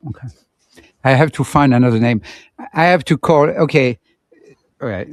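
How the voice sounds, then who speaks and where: A man's voice: mid-range voice, normal speed, no echo, studio quality. A man co-hosting a podcast, chatting casually in a playful, rambling way and laughing often. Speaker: podcast co-host. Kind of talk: casual chat.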